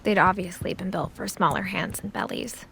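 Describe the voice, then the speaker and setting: A woman playing a reflective young woman narrating her family's history in a video game, quiet and measured. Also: on the low side, creaky, a little hiss or hum. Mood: wistful, reflective.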